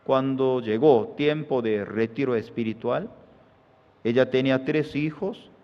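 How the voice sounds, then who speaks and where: Slow-speaking pastor in a reverberant church. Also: male voice, clear, resonant tone. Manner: animated storytelling, jumping into high squeaky voices for quoted people. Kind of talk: sermon with acted-out anecdote. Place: church hall. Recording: dull sound in a reverberant church hall.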